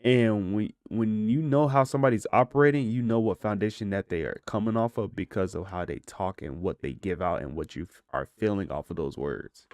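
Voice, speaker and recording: A man's voice: lowish voice, a little fast, few pauses, a little mellow, no echo. An American man giving casual, slangy reaction commentary in a reflective, questioning way. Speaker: commentator reacting to video footage.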